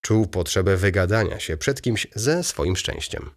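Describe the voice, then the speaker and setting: A man narrating a classic novel as an audiobook in a measured, expressive storytelling manner. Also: low-pitched.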